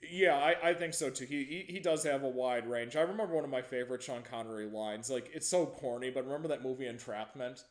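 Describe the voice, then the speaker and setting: A man's voice: medium pitch, fast, few pauses. Stammering, rambling male podcast host. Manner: rambling, stammering restarts, laughs easily. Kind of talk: casual movie review chat.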